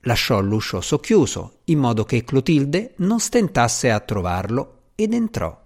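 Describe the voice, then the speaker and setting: A man narrating a novel in a measured storytelling delivery. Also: mid-range voice, sing-song. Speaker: audiobook narrator. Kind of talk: scripted narration.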